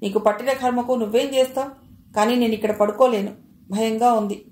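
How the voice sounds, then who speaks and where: A woman reading aloud and voicing a suspicious, sharp-tongued older mother-in-law who scolds and accuses, with a slightly high voice in a roomy space. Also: fairly even intonation, brisk, close to an everyday voice. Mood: scolding. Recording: roomy echo.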